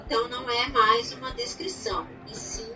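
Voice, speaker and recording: A Brazilian woman teaches grammar in an unhurried, patient way, pausing to ask if everyone follows. Her voice sits high and sounds very bright. She is recorded from some distance, with soft music in the background. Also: level tone. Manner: patient, explains step by step with examples, checks in with "certo?".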